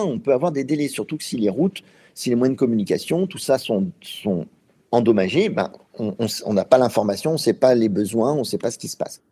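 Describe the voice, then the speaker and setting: This man, interviewed as an expert, has a medium-pitched voice that is warm and slightly rough. He works through his explanation step by step, stumbling into frequent hesitations and fillers.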